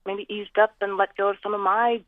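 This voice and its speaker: A woman's voice: mid-range voice, little pitch movement, a little fast, no echo. A woman in her forties, speaking candidly and self-deprecatingly in a phone interview. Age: 40s. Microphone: telephone. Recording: tinny phone line.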